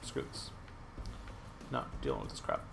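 A man's voice: a little slow, noisy background. A man giving frustrated, self-mocking running commentary while playing a video game. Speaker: let's play gamer. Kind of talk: gameplay commentary.

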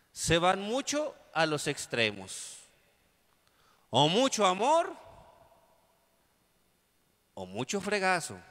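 A man's voice: on the high side, sharp tone. A man with a Mexican accent preaching a sermon as a priest, telling stories and acting out the people in them. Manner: storytelling, acts out quotes. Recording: long reverb of a large hall.

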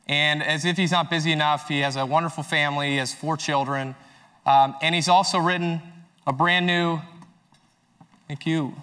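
A man's voice: on the high side, pushed and bright, clear, resonant tone. A man hosting a conference, enthusiastically introducing the first speaker on stage with a few stumbles. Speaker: event host. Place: conference stage before an audience.

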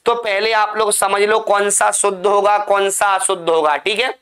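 A man's voice: high voice, little pitch movement, normal speed, a bit bright. A male teacher giving a classroom spelling lesson, drilling and repeating words for his students. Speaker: Hindi teacher.

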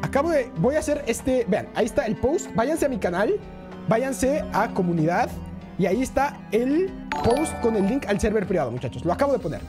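An excitable woman streams a game live and keeps talking to her chat. Her pitch swings widely from line to line, and music plays loudly behind her. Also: fairly quick. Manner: excitable, chatty, talks to chat.

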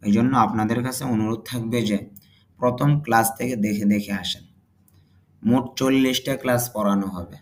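A man with a Bangladeshi accent teaching a spoken English lesson, saying each English example sentence slowly and loudly, then explaining it more quietly. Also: mid-range voice, fairly even intonation.

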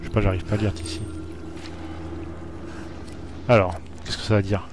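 A man's voice: lowish voice, little pitch movement, moderate pace, background noise. A man playing a horror video game and commenting live for viewers, jumpy and talking to the screen. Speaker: let's play gamer.

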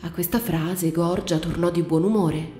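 A woman reading a literary short story aloud in a measured, even storytelling manner. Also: fairly low pitch. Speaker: reader. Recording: roomy reading with faint music.

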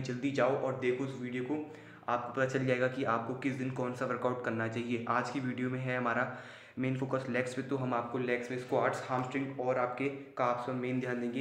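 A man's voice: mid-range voice, roomy sound. A man hosting a fitness channel, giving casual, upbeat home workout instructions and urging viewers on.

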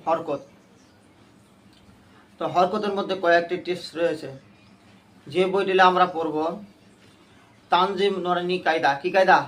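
High-voiced man teaching a Quran class. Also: fairly even intonation, normal speed, long pauses, a bit bright, a little hiss or hum. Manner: drills students with repeated questions. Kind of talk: call-and-response class lesson.

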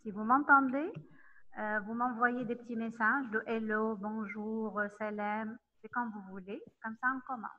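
A woman lecturer teaching an online class, talking haltingly with many fillers and checking in often with her students. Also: on the high side, fairly even intonation. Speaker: university lecturer. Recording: tinny phone-like line.

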